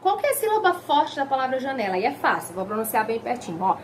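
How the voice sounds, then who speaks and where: A woman teaching a grammar lesson. She is lively and emphatic, drags out her example words and keeps asking the viewer questions. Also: sits high, quick pace, slight background noise, rough recording. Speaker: Portuguese language teacher.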